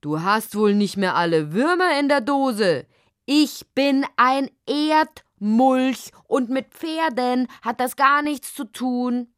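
A woman's voice: lowish voice, lively intonation, slow pace, no room sound, clean studio sound. Woman doing Grunzkopf, huffy little creature. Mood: angry. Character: grumpy indignant male mole-like creature.

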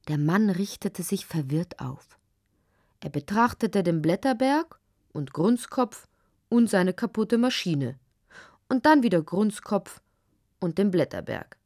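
Slow, animated woman reading a children's story. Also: medium pitch, no room sound, studio quality. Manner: animated, drops to a whisper for suspense.

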